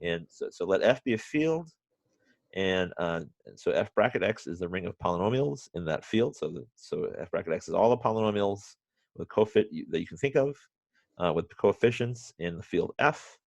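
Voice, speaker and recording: A man teaching a university math class remotely, halting often with restarts and fillers, and dropping wry, self-mocking asides. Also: deep voice, expressive, vocal fry, dry recording. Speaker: math professor.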